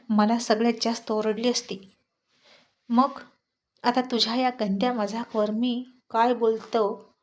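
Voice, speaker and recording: A woman's voice: a little high, a little mellow. A woman voicing a young man who scolds angrily and in a panic. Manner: scolding, exasperated.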